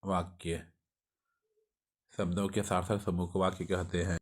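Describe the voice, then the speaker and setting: A man with a Bihari Hindi accent teaching a quick exam revision lesson, reading grammar notes aloud with restarts and frequent checks of "okay". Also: deep voice, flat delivery.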